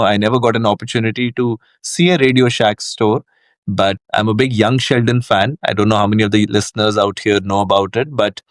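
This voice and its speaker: A man hosting a podcast, reading a formal scripted introduction and then asking his guest questions in a measured, welcoming way. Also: mid-range voice, dry recording, studio quality. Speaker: podcast host.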